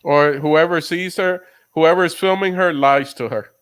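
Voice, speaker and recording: A man's voice: fairly high pitch, normal speed, fairly bright tone, smooth. A man from the Dominican Republic co-hosting a casual comedy chat, laid-back and easygoing. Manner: laid-back, calls others bro. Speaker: co-host.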